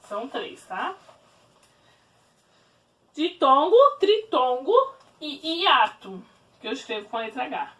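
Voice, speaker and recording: A woman teaching grammar in a high voice that swings up and down a lot. She stretches out key words slowly as she explains. The mic sits a bit back from her. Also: very animated, a bit bright, far from the mic. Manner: slow, spelled-out explaining. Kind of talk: online grammar lesson.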